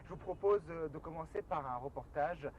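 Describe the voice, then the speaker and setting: A man hosting a studio talk show, introducing the episode and his guest with many pauses and restarts. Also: a little high, a little mellow, slight background noise, rough recording. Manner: halting, many fillers and restarts. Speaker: TV show host.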